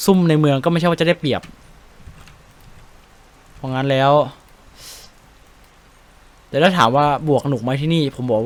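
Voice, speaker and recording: Chatty, excitable Thai game streamer man. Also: a little high, clear, resonant tone. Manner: chatty, excitable, swears casually, explains tactics. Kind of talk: casual gameplay commentary.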